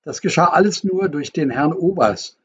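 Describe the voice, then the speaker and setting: A stern, suspicious middle-aged father, read by a male narrator, insistent and bitter in every line. His voice is slightly husky and a little raised. The audiobook recording sounds dull and lo-fi. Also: a little high, expressive, moderate pace. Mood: accusing.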